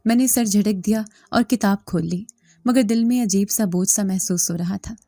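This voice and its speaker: Mellow-voiced woman narrating a horror story. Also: medium pitch, moderate pace, no echo. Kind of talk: scripted first-person horror story narration.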